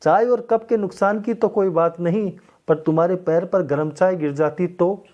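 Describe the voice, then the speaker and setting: A man's voice: high-pitched, fairly even intonation, moderate pace, dull audio, pitched above the performer's own voice, close to an everyday voice. A man putting on a bossy scolding mother-in-law. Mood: gentle. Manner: scolding, shouting at her daughter-in-law. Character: stern bossy older Indian mother-in-law.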